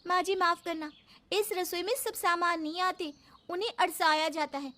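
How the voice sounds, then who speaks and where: A woman's voice: very high voice, steady tone, normal speed, bright, forceful tone. A woman voicing a young daughter-in-law who complains politely in a cartoon story. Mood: pleading.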